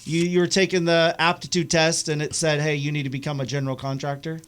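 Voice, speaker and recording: Higher voiced guy cohosting a radio show, jokey, asks lots of questions. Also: little pitch movement, quick pace, fairly bright tone, clean tone. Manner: playful, laughs, asks questions. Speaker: radio co-host. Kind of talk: casual radio chat.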